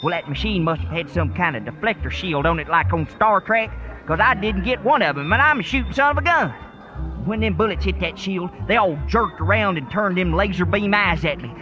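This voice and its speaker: A man's voice: high-pitched, lively intonation, brisk, sharp tone. An actor playing a paranoid male conspiracy crank in a radio drama, ranting frantically in folksy rural grammar. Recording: slightly muffled, music underneath.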